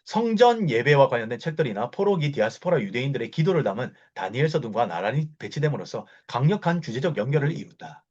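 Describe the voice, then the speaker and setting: Man lecturing with a husky voice. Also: mid-range voice, sing-song, fast, hardly any pauses, a little mellow. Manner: explanatory, with frequent fillers and self-corrections. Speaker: Bible lecturer. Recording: dull lo-fi recording.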